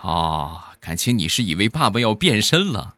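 Low-voiced man telling funny family stories. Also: sing-song, over loud music. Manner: chatty, teasing, many drawn-out "啊" fillers. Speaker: comedy podcast host. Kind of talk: comic anecdote storytelling.

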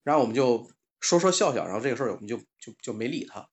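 A man's voice: mid-range voice, lively intonation, racing, lo-fi sound. A man in a casual panel chat, telling a personal story and acting out the dialogue, with plenty of fillers and restarts.

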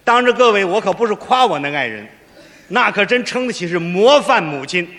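Man, crosstalk comedian, very high bright voice, long hall reverb. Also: sing-song. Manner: boastful, playfully evasive, quick retorts.

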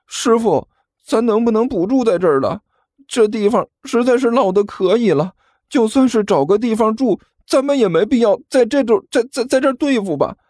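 Man voicing a young male apprentice, shrill, excitable, stammering, audiobook. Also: normal speed, no echo, clean studio sound. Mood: excited, complaining. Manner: high-pitched, excitable, stammering.

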